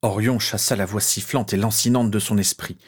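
A man reads a fantasy tale in a measured, dramatic way. His voice sits low and has a breathy, husky edge. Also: steady tone. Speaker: narrator. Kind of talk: scripted audiobook narration.

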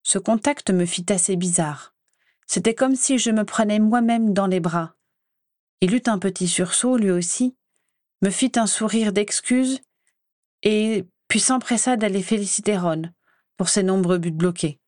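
A woman reading fan fiction aloud in a steady, expressive storytelling manner. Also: mid-range voice, a little slow, dry recording, clean studio sound. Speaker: story reader.

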